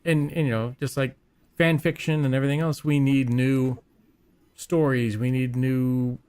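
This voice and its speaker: A man's voice: mid-range voice, level tone, normal speed, darkish tone, clean tone. A man talking as a panelist in a casual fan chat, rambling, restarting sentences, and joking as he goes.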